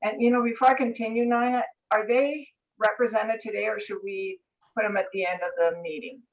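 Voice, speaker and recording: A woman's voice: on the high side, steady tone, a little fast. American woman chairing meeting, dull room mic. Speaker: board chair running a public meeting. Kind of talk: formal meeting procedure, partly read aloud.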